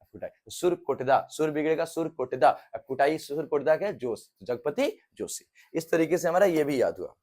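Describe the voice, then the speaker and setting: A male teacher with a slightly high, somewhat mellow voice gives an exam-prep history lecture. His style is colloquial and jokey, and he keeps quizzing his students with the same questions in a call-and-response pattern.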